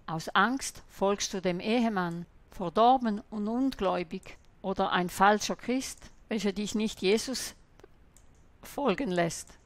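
Woman, translated sermon voice-over, emphatic, admonishing, mid pitch, dry close sound. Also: no room sound.

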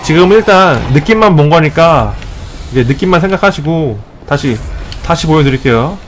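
A man with a slightly high voice narrates his gameplay like a tongue-in-cheek tutorial. He jokes with the viewer and scolds the enemies on screen, breaking into excited yelps mid-fight. A faint hiss of noise sits under the voice. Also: normal speed. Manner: excitable outbursts during fights. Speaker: gaming channel host. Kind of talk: let's play commentary.

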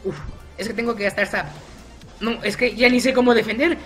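A man's voice: high voice, fairly even intonation, fairly quick, pushed and bright, soft background music. A man commenting on his own gameplay, chatty and teasing his opponents by name. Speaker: gaming YouTuber.

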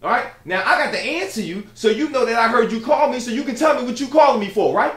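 An actor playing an exasperated young college-age son who argues back at his father, fast and loud at times. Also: very high voice, expressive, reverberant. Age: young adult. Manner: fast, argumentative, loud outbursts. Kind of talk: comedy sketch acting.

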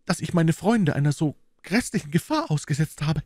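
A composed young Victorian lady speaks softly and gently, her voice lifted high, as a male narrator puts her on. The reading is close and dry, with no room sound around it. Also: expressive, moderate pace, dry recording. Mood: gentle. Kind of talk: audiobook reading.

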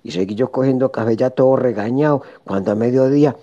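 A man telling a funny story, animated, acting out the voices of the people in it. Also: mid-range voice, quick pace, dull audio. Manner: animated storyteller, acts out voices of wife and others. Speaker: joke teller. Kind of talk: storytelling joke.

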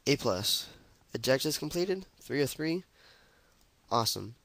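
A man's voice: medium pitch, animated, unhurried, a bit bright, no echo, poor audio. A young man giving casual, jokey commentary as he plays a shooter game, narrating each move. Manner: chatty, jokey, narrates his moves as he plays. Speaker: let's play gamer.

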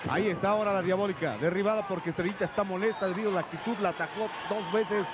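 High-pitched Mexican wrestling commentator, man. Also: rapid-fire. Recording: noisy arena broadcast. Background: loud arena noise.

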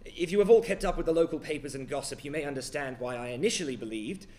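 A haggard, frightened gentleman, voiced by a man speaks in formal, stammering phrases. He has an Australian accent and a gruff edge, and his speech comes out stiff and halting. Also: on the high side, lively intonation, close to an everyday voice. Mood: fearful. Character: haggard, fearful wealthy older gentleman.

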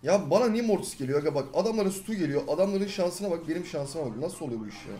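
Brief: young male gaming YouTuber, high voice, rapid excitable play-by-play, faint music under it. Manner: excitable, chatty, swings from mumbling to yelling. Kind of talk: live gameplay commentary.

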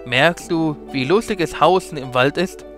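A man voicing a sly, hungry male mountain lion who coaxes his prey in a low, hushed way, read from a storybook. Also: moderate pace, music in the background, close to an everyday voice. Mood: scheming.

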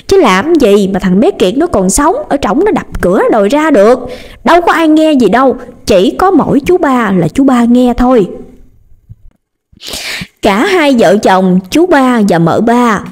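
A young woman with a Southern Vietnamese accent, narrating a ghost story with dramatic, lively delivery. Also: fairly high pitch.

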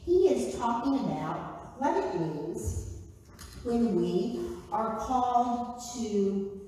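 A woman, a pastor giving a conversational, animated sermon in a church. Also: on the high side, extremely slow, slight background noise. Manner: conversational, animated, gestures while preaching. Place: church sanctuary, indoors. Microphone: far camera. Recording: echoey sanctuary from far off.

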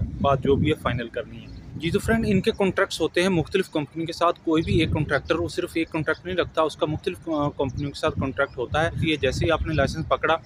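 A man, giving earnest job advice to viewers in a casual vlog, recorded outdoors on a camera held at arm's length. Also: fairly high pitch. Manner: earnest, advising, addresses viewers as friends. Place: outdoors on a grassy lawn by buildings. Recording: outdoor ambience with traffic noise.

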